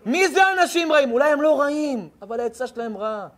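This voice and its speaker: A man's voice: extremely high pitch, expressive, fairly bright tone. A man, a rabbi, giving a sermon with emphatic, punchy repetition.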